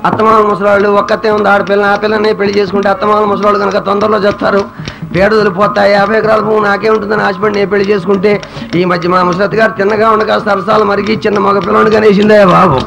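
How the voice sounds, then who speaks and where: A man's voice: high-pitched, flat delivery, fast, vocal fry, rough recording. A man telling a satirical harikatha in a Coastal Andhra Telugu accent, theatrical and humorous, slipping into song. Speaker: harikatha performer. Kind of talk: satirical harikatha storytelling with sung verses.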